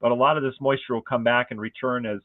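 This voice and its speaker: Male forecaster, chatty and excitable, mid pitch, dry phone-like audio. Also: quick pace, no room sound. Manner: enthusiastic, conversational, asks viewers rhetorical questions. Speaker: weather forecaster. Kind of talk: casual weather forecast walkthrough. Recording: dry, phone-like narrow band.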